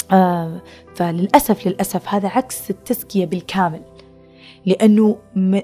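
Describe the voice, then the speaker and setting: A woman's voice: mid-range voice, warm tone. A woman giving an earnest, reflective spiritual talk on a podcast, repeating phrases for emphasis and sometimes dropping to a whisper. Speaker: podcast guest speaker.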